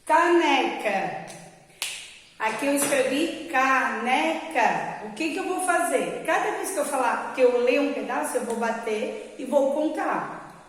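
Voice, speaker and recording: A Brazilian woman teacher with a fairly high voice talks young pupils through a lesson at a slow, careful pace. Her explaining is patient, and she keeps checking that the children follow. The recording is very echoey, with a long reverb trailing each phrase. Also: animated, a little hiss or hum. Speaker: primary school teacher.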